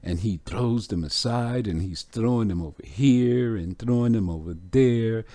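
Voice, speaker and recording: A man with a low voice teaches scripture at an unhurried pace, breaking down word meanings before turning to animated storytelling. The recording is dry and close. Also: dry recording. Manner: vivid storyteller, acts out scenes. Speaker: Bible teacher. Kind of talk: storytelling sermon.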